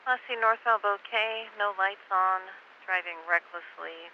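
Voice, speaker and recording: A man's voice: high-pitched, unhurried. A man working as a police dispatcher on a police radio transmission, reading out codes, locations and plate details in clipped radio traffic. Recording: muffled scanner radio with hiss.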